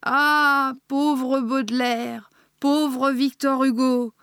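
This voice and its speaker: Woman reading a theatrical, scornful foreign eccentric who stretches every lament out slowly; dry sound. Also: a little high, fairly even intonation, dry recording, natural voice. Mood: mocking lament. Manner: grandiose, drawn-out sighing lament.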